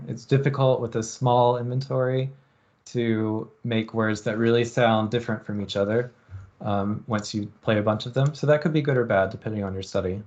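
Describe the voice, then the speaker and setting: A man lecturing at a university, explaining experiment design in a relaxed way and thinking aloud with frequent ums. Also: mid-range voice, highs cut off.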